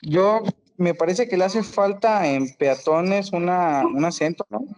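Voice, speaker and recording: Slow, halting high-voiced male student. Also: a little mellow. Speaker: workshop participant.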